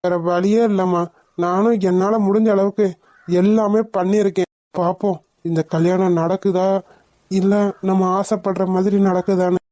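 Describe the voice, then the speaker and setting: A performer voicing a gentle older brother. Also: medium pitch, flat delivery, moderate pace, close to an everyday voice. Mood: consoling. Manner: soothing, consoling. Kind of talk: cartoon voice acting.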